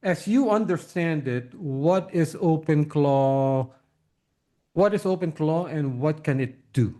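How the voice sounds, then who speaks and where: A man with a slightly high, mellow voice hosts a podcast interview, taking his time as he talks. He keeps the conversation probing, repeating questions to check that he's understood.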